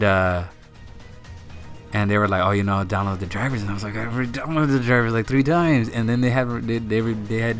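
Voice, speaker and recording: A young man telling a long casual story to his channel, rambling with many fillers and repeated words. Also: on the low side. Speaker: channel host.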